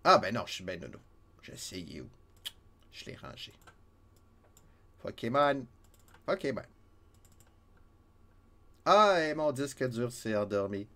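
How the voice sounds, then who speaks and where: A man with a Québécois accent chatting casually while streaming a game, self-mocking and quick to laugh, a little stuffy from a cold. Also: mid-range voice, big pitch swings, bright, forceful tone. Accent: Québécois French.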